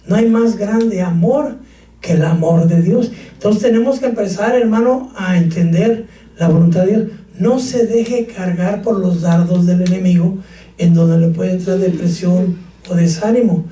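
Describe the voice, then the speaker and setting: In a church sanctuary, recorded with lots of echo and far from the mic, a pastor preaches in a high-pitched, warm, unhurried voice. He tosses questions to the congregation for call-and-response and jokes between his points.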